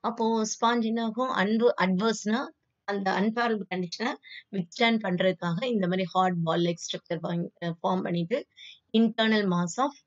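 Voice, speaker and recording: A woman's voice: mid-range voice, fairly even intonation, racing. A woman with a South Indian Tamil accent teaching an exam revision lesson, instructive, repeating key terms and asking check questions, on a slightly dull recording. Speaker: biology teacher. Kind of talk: exam revision lecture, explaining step by step.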